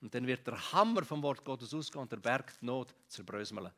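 A middle-aged man with a Swiss German accent, preaching a sermon with stories, lively, swinging from loud to hushed. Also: mid-range voice, a little fast. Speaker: pastor. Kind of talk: sermon with storytelling.

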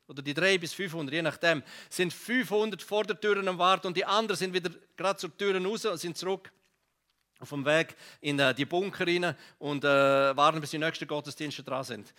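A middle-aged man with a Swiss German accent, preaching a sermon with stories, lively, swinging from loud to hushed. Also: on the high side. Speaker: pastor. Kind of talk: sermon with storytelling.

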